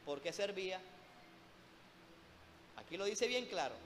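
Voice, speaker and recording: High-voiced preacher man in reverberant church. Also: expressive, unhurried, a bit bright, a little hiss or hum. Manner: emphatic, repeatedly calling out "hermano" to the congregation. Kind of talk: sermon.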